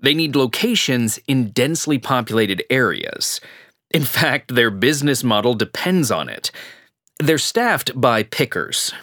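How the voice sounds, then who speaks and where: Actor as male radio expert guest: articulate, explanatory, mid-pitched with animated intonation, dry studio. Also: measured pace, no echo, exaggerated voice. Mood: informative. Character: informative, matter-of-fact male e-commerce expert radio guest. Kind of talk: scripted radio interview.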